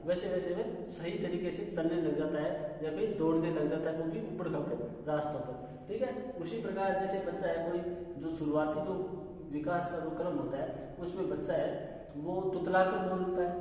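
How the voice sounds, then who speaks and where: A high-voiced man with a Rajasthani accent teaches a classroom lecture, going over each point slowly and more than once. His tone is dark and mellow. He sounds far from the mic in a very echoey hall. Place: college classroom.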